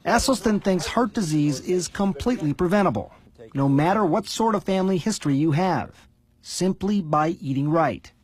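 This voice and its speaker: A male reporter narrating a scripted news story in a measured, deliberate way. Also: high voice, lively intonation, darkish tone, slightly rough, no echo.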